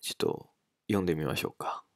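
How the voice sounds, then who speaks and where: A man with a very low, gravelly voice gives a language lesson in an easy spoken manner. He goes slowly, stretching out each syllable as he drills the sounds. The recording is dry and close. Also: huge pitch swings, no room sound. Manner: slow, careful, drawn-out pronunciation drills. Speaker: language teacher.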